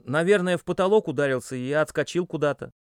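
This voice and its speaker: A man's voice: fast talker, clean tone, dry recording, clean studio sound, lightly acted. A man voicing a frightened young boy who stammers and shrieks in panic. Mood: stammering. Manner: hysterical, stammering, shrill.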